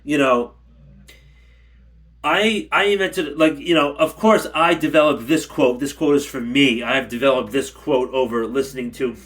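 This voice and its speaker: Speaking at a moderate pace with a medium, slightly bright voice, a man rants casually into his camera at home. He rambles, speaks bluntly, and repeats himself, sounding a bit stuffy from allergies, all caught on the camera's built-in mic.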